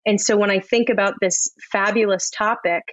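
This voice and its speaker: A podcast co-host speaks at a medium pitch with fairly even intonation. She's articulate, measured and reflective, analyzing things using psychology jargon. The recording is dry, close and slightly dull.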